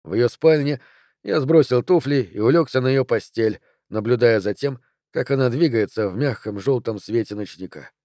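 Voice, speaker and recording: A man reading an audiobook in calm first-person narration. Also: medium pitch, normal speed, no echo, studio quality. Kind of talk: scripted narration.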